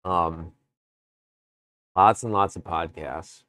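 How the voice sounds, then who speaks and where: A man streaming live from his woodworking shop, chatting casually with viewers in a relaxed, rambling way. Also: deep voice, takes it slowly, dry recording. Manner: relaxed, rambling, chats with viewers between tasks. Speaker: woodworking livestreamer. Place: home workshop.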